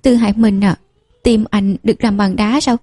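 A woman's voice: mid-range voice, steady tone, normal speed, dark tone, no echo, close to an everyday voice. A woman voicing a young mother who longs for her children and speaks in a choked, pleading way. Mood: tearful.

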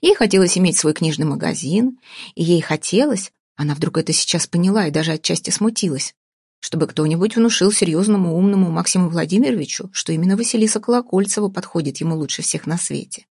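A woman narrating a novel aloud in a lively, expressive storytelling manner. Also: fairly low pitch, quick pace, husky, no room sound, studio quality. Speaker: audiobook narrator.

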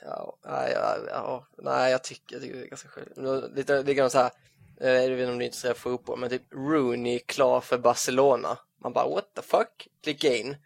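A man's voice: mid-range voice, flat delivery, vocal fry, no room sound. A man co-hosting a podcast in casual chat, amused and mocking, laughing easily. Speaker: podcast co-host.

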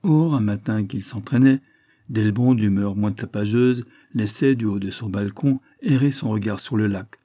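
A man narrating a 1920s adventure novel in a steady, measured audiobook reading. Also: on the low side, no echo, clean studio sound. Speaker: audiobook reader.

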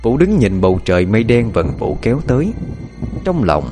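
A man narrating a ghost story as an audiobook, in an expressive, measured storytelling manner. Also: medium pitch, over music.

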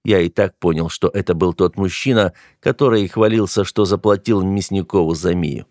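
Guy reading an audiobook, lowish voice, gruff blunt tone, dry close sound. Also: moderate pace, darkish tone, no echo. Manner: gruff, blunt, slangy storytelling. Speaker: audiobook narrator. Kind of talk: first-person audiobook narration.

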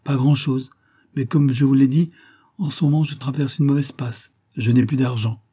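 A man's voice: medium pitch, steady tone, normal speed, mellow, slightly rough, voice pushed up, close to an everyday voice. A man voicing a wry, hard-up woman. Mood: frank.

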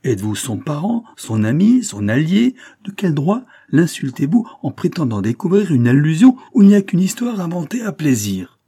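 A man's voice: a little high, very animated, moderate pace, few pauses, mellow, slightly rough, pitched above the performer's own voice, heavily acted. A man voicing a sly masked detective who answers with bold, ironic defiance. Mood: defiant.

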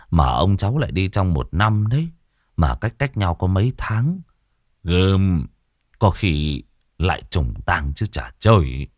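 A man narrating a ghost story dramatically, with long pauses. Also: low-pitched, dry recording, studio quality.

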